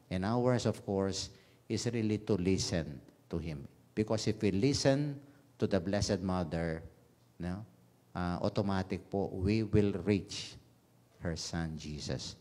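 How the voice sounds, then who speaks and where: A man's voice: deep voice, warm tone. A Filipino priest delivering a homily at a Mass broadcast on radio, mixing English into his talk and often adding "no?" as a tag. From Philippines. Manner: switches between Tagalog and English, frequent "no?" tags. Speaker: parish priest. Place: radio station chapel.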